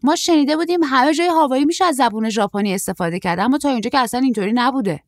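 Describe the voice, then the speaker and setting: A woman's voice: no echo, clean studio sound, natural voice. A woman voicing a short, stocky young male surfer who is eager and carefree. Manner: excited, quick, high-pitched boyish delivery.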